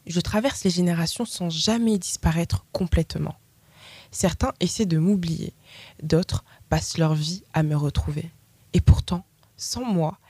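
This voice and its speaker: Female radio host, low husky voice, dry studio mic, scripted intro delivery. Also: a little mellow, no echo. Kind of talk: radio interview hosting.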